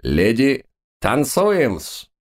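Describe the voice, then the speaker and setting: A man's voice: mid-range voice, wildly swooping pitch, drawn-out words, voice pushed up, full character voice. A man voicing a pompous, skinny stage magician with grandiose, old-fashioned flourishes in an audiobook. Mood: showy. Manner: pompous, archaic polite flourishes. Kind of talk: audiobook character voice.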